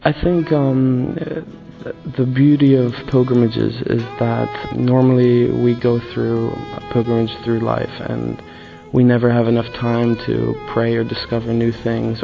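A man's voice: mid-range voice, vocal fry, dull audio. A man in his twenties recounting a pilgrimage in casual testimony, hesitant with many fillers and restarts. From born in the USA, raised in the Caribbean and Poland. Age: 20s. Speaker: pilgrim interviewee.

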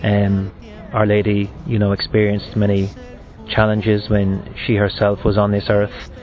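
A man in his thirties with a west of Ireland accent, a seminarian giving a personal faith testimony in a halting, reflective way. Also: on the low side, completely flat delivery, dull audio, faint music behind. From Galway, west of Ireland. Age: 30s.

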